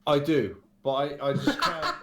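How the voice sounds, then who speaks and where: A young man speaks bluntly and easily in a casual chat with friends. His voice sits fairly high and moves around a lot. The recording is echoey, with clear noise and clicks behind him. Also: wildly swooping pitch, measured pace. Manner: laid-back, blunt. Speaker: podcast co-host.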